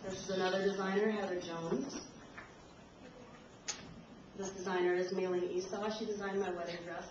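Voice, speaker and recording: A young woman from Trinidad and Tobago, invited to speak at a university, reads a prepared speech at normal speed and medium pitch, a bit nervous and laughing between lines. A distant camcorder captures her in a roomy lecture hall, giving dull audio with a steady hiss.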